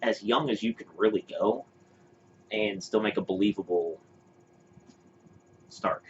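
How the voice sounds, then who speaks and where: A man with a lowish voice co-hosts a casual podcast, rambling opinionatedly with plenty of fillers and restarts. The recording is dull and lo-fi with a faint hiss underneath. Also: a little slow. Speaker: podcast co-host. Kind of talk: casual chat.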